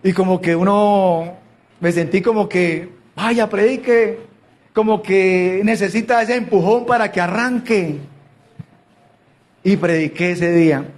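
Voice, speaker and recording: A man's voice: sits high, unhurried. A man preaching a sermon, telling a story with earnest repetition and fervent quoted prayers. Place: church sanctuary.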